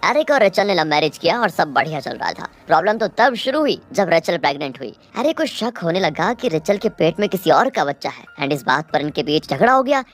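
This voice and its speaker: A woman's voice: on the low side, sing-song, a little fast, hardly any pauses. A woman narrating a horror movie's plot dramatically, addressing viewers as friends.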